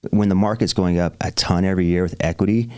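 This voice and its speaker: A man in his forties, a real estate investor appearing as a podcast guest, tells his story with upbeat enthusiasm and lots of fillers. His voice is low, warm and steady, and he talks fast, with no room sound.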